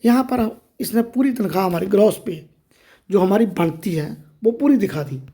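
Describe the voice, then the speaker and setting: A woman's voice: mid-range voice, animated, moderate pace, mellow, slightly rough. A woman hosting a step-by-step tutorial, explaining things directly to listeners. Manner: explanatory, addresses viewers directly. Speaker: tutorial host. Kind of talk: step-by-step screen reader tutorial.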